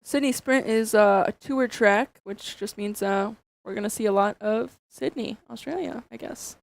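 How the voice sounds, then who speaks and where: A woman's voice: fairly high pitch, moderate pace, creaky, no echo. A young woman co-casting a college esports match in a chatty, upbeat way with plenty of fillers. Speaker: esports co-caster. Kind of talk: casual esports commentary.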